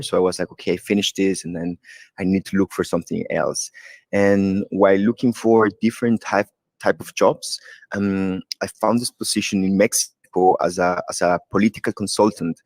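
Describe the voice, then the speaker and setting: A man from Ecuador telling his story as an interview guest, relaxed and rambling. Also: deep voice, no room sound. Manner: relaxed, rambling with many fillers. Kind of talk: casual interview talk.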